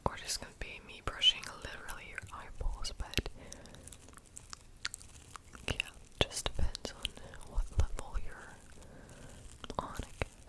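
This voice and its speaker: A woman speaking softly and haltingly in whispered ASMR, gently repeating her words, close to the microphone. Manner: soft, gentle, halting, repetitive. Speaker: ASMR host. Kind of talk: whispered ASMR personal-attention talk.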